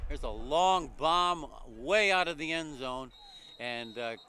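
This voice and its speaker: A male play-by-play commentator with a bright, forceful, slightly high voice, calling a college football game from an outdoor stadium. He reels off numbers and stats with steady energy. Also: slow pace, slight background noise.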